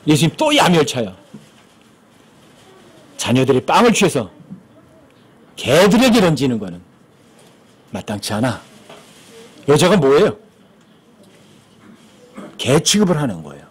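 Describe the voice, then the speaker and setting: A man's voice: fairly high pitch, sing-song, a little slow, long pauses, husky. A man preaching a sermon as pastor, asking the congregation questions and acting out the lines he quotes.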